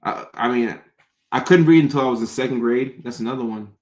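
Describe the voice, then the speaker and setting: A man's voice: medium pitch, brisk, a little mellow. A man chatting casually and off the cuff as he answers comments, often repeating phrases for emphasis, with trouble pronouncing his R sounds. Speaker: content creator hosting a live question session. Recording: roomy, echoing sound.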